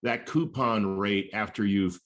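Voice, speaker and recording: A financial advisor guest talks on a podcast in an easygoing, explanatory manner. His voice sits on the low side for a man, and he tends to agree with the host as he fills in the details. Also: animated, normal speed, a bit bright. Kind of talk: casual podcast discussion.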